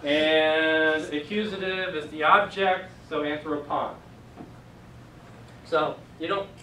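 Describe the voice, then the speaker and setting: Here the young Greek teacher sounds fairly high and sharp, speaking slowly with mostly even intonation. He keeps the classroom lecture casual and conversational with many fillers, while the distant camera in the church meeting room picks up echo and noise.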